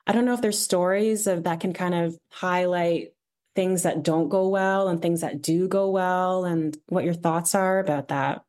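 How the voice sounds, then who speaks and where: A woman interviewing a guest in a relaxed conversation, casual and encouraging, with many filler words. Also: fairly low pitch, normal speed.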